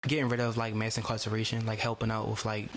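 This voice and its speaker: A woman's voice: extremely low pitch, little pitch movement, fast, a little hiss or hum. A woman co-hosting a podcast in casual chat, blunt and profane, full of fillers. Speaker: podcast co-host.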